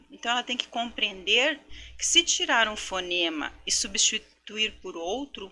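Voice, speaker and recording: A woman teacher giving a recorded lecture, explaining step by step and sounding out words slowly syllable by syllable, with frequent tag questions. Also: a little high, sharp tone. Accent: Brazilian Portuguese. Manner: explanatory, slow syllable-by-syllable demonstrations. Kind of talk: recorded lecture for education students.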